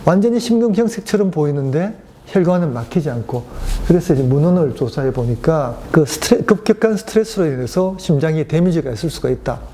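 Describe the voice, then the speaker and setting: A man's voice: on the high side, animated, brisk, dark tone, a little hiss or hum. A middle-aged man, a cardiologist, explaining stress and heart disease on a medical talk show, telling cases with many fillers.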